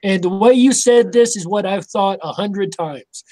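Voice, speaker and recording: A man hosting an interview show, asking questions in a halting way and rephrasing them as he goes. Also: sits high, mellow.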